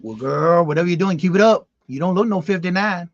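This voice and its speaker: A man in his fifties hosts a casual morning live stream, reading comments, greeting viewers by name and exclaiming in disbelief. His voice sits high and brisk, and the recording is dry and dull.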